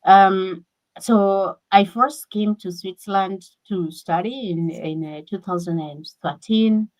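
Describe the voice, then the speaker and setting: A woman from Kenya, talking as a guest in a casual conversation over a video call. She speaks haltingly and restarts her sentences often. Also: medium pitch, a little mellow, rough recording. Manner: halting, with many repeated restarts.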